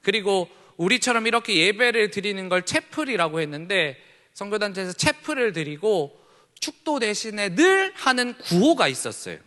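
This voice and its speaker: A high, bright male voice preaching to a youth group, swinging widely from near-whispered asides up to ringing, fervent calls. He speaks in a church sanctuary where a long reverb trails after every phrase. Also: moderate pace. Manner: animated, swings between hushed asides and loud shouted slogans. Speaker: youth pastor. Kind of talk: sermon to teenagers.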